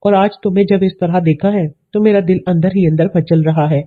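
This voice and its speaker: A teasing middle-aged uncle from a narrated story, read by a man in a fairly high voice with an even, plain delivery. The audio is thin and tinny, like it came down a phone line. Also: close to an everyday voice.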